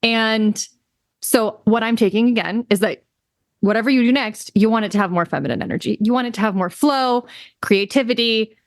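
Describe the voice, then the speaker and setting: A woman's voice: a little high, normal speed, no room sound, clean studio sound. A woman co-hosting an advice podcast, chatting casually in a playful, emphatic way with jokey asides. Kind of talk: casual chat.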